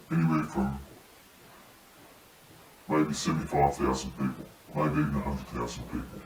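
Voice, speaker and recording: A man giving serious testimony as a paramedic whistleblower in measured, halting phrases, his voice electronically disguised to sound deep. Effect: disguised deep voice, electronically lowered. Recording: roomy echo, distant mic, faint noise.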